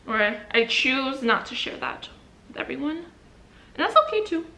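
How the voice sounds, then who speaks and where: A woman's voice: high-pitched, lively intonation, normal speed, bright, forceful tone. A young woman vlogging at home, chatting casually to camera between bites of a sandwich, rambling with lots of likes and restarts. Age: young adult. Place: at home indoors by a window.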